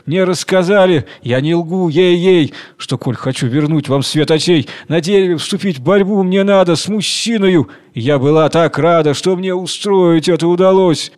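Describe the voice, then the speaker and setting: A cunning young wife pleads sweetly and argues smoothly, as a male reader puts her on. Her voice sits a little higher than the narration around her, and she coaxes and explains at length in rhymed storybook verse. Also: normal speed, few pauses, a little mellow, close to an everyday voice. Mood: sly. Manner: pleading, then smoothly excusing herself. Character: sly scheming young wife, quick-witted and coaxing.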